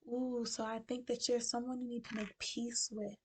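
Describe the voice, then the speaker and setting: Gravelly woman reading cards, wearing a retainer. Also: fairly high pitch, flat delivery. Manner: talks with a retainer in her mouth; slow, musing delivery with soft whispered phrases. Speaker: tarot card reader. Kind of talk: casual spiritual card reading.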